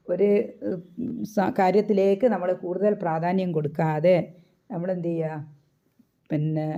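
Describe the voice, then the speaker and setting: A woman's voice: lowish voice, mellow, highs cut off. A woman from Kerala teaching Quran recitation, explaining each rule step by step and asking her listeners questions. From Kerala, India. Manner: chants verses slowly and drawn out.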